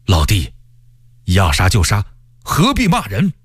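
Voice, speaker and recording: Man voicing a captured rebel messenger, defiant, sighing, scornful, low voice, dry sound. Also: huge pitch swings, a little slow, breathy edge, no room sound, full character voice. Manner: sighing, scornful, resigned to death.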